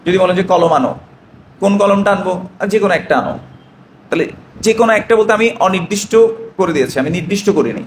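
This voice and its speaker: A man's voice: high voice, fast talker, echoey room, slight background noise. A man with a Bangladeshi Bengali accent teaching an Arabic grammar class, asking questions and answering them himself.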